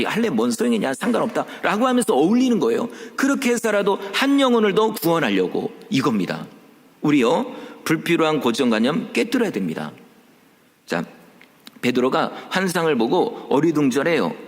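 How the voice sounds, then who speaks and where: A man preaching a Sunday sermon as pastor, animated and full of rhetorical questions, acting out quoted voices. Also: a little high. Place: church sanctuary. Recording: long church hall reverb.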